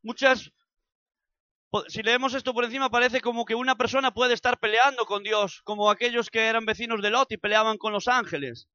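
A man's voice: very high-pitched, fairly even intonation, a little fast, sharp tone, dry recording, muffled recording. A man from preaching a sermon, acting out the scripture with vivid sound effects.

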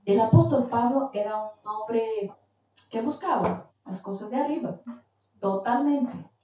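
A woman's voice: on the high side, unhurried, mellow, slight background noise. A woman preaching a sermon, telling a testimony and now and then stopping to search for the right word. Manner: searches for words mid-sentence. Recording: very echoey, distant from the mic.

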